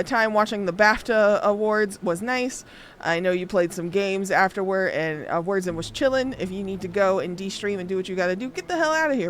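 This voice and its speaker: A woman livestreaming a game, chatting casually in a bubbly, playful, rambling way. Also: mid-range voice. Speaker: game streamer. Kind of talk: casual livestream chat while gaming. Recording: music behind the voice. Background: music.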